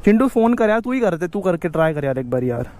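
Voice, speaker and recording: A young man vlogs from his scooter on a busy city street, chatting to viewers and friends in a high voice. He speaks casually and keeps saying "bhai" and "yaar", and traffic noise is clearly heard around him. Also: big pitch swings, fast, darkish tone. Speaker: vlogger. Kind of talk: casual moto vlog chat. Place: outdoors on a city street and by a park.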